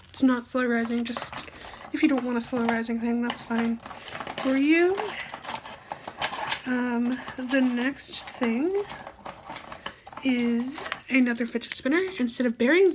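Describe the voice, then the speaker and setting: Teen girl vlogger, chatty and giggly, slightly high-pitched, faint noise on the recording. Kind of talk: casual show-and-tell.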